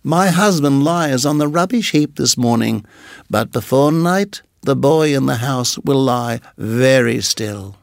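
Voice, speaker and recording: A man voicing a vengeful female king cobra in a storybook reading, menacing and drawn-out. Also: medium pitch, animated, gravelly, dry recording, clean studio sound. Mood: gloating.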